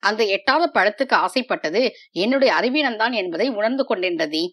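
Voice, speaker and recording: A woman voicing a proud, wounded young female dancer in a storybook reading, with measured delivery. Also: mid-range voice, lively intonation, fairly bright tone. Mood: indignant.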